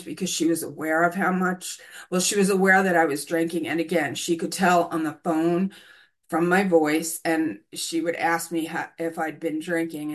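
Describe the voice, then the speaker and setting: A woman in her sixties from the United States tells her own recovery story in a candid, hesitant way, often pausing with "um". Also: lowish voice. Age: 60s. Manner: hesitant, many ums, candid. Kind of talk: personal testimony.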